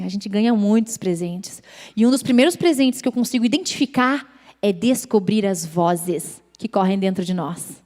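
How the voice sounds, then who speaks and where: A woman with a Brazilian accent gives a chatty, animated faith testimony to a live church audience and often turns to speak to them directly. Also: mid-range voice, big-room sound. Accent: Brazilian Portuguese. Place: church event stage.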